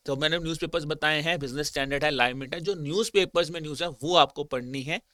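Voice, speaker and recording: A man's voice: on the high side, pushed and bright, dry recording. A young Indian man teaching exam preparation, mixing Hindi and English in a direct coaching tone and often checking in with "guys". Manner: switches between Hindi and English, direct, repeats "guys" and "ठीक है". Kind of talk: online exam coaching talk.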